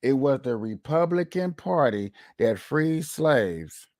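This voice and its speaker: A man's voice: medium pitch, animated, slow, darkish tone, dry recording, clean studio sound. A man hosting a livestream with casual political commentary, opinionated and colloquial, repeating phrases for emphasis. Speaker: livestream host.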